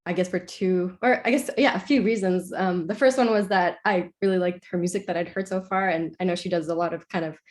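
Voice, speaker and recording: Lower-voiced woman composer, chatty. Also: steady tone, brisk, hardly any pauses. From Iceland. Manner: chatty, many "like"s and self-corrections. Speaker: composer being interviewed. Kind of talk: casual interview answers.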